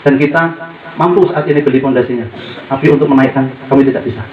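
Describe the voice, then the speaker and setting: Man, school leader, podium speech: fast, fervent, repetitive, slightly high voice, roomy hall sound. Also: slight background noise. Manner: fervent, repetitive preaching cadence. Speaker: boarding school leader addressing parents. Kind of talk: speech to a gathering. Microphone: podium microphone. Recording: roomy, slightly dull audio with faint ambience.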